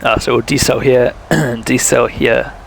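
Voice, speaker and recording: A man's voice: mid-range voice, fairly even intonation, a little slow, creaky, a little hiss or hum, low-quality recording. A young man, chatting casually while streaming a flight sim, thinking aloud and talking to viewers, with a sore throat. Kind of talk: casual live-stream commentary.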